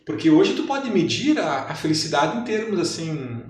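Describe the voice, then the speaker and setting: A man's voice: on the high side, sing-song, normal speed. A man, a professor and guest, musing thoughtfully in a casual podcast chat. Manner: reflective, filler-heavy. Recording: echoey room, far from mic, faint noise.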